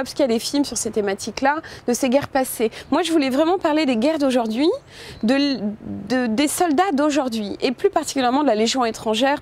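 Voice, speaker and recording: A woman film director talking in an interview, thoughtful and informal, with frequent hesitations and restarts. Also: a little high. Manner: informal, addresses listener with "tu vois". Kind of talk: interview about her film.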